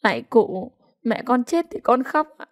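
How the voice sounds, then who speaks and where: A woman voicing a poor grieving peasant widow who wails in a high, drawn-out voice. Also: big pitch swings. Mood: pleading.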